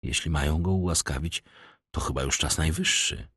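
A puzzled young gentleman asking quiet, low questions, voiced by a male reader. The voice is husky and dry, close to the mic. It is an audiobook scene. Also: moderate pace, no echo, exaggerated voice.

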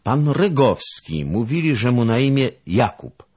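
A man's voice: medium pitch, big pitch swings, a little slow, a little mellow, husky, voice pushed up. A man voicing a naive, eager young servant who tells his tale chattily and rises in surprise. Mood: protesting.

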